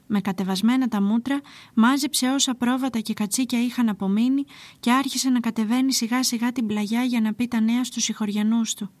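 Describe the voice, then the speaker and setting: A woman telling a fairy tale in a calm, expressive scripted narration. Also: on the high side, no room sound. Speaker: storyteller.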